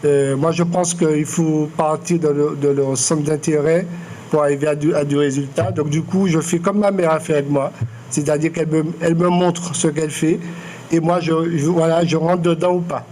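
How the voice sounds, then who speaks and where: Hesitant Martinican man, higher voice. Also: fairly even intonation, warm tone, slight background noise. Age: 40s. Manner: measured, many fillers and restarts. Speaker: artist interviewed. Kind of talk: public interview, hesitant and reflective. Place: lecture room.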